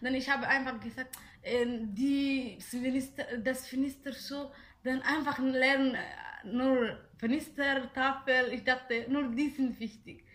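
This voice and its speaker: Young woman, kinda high voice, lots of ums and restarts, answering questions. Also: steady tone, slow, fairly bright tone. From Somalia. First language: Somali. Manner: hesitant, many fillers and restarts. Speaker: interviewee. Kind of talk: casual interview answers.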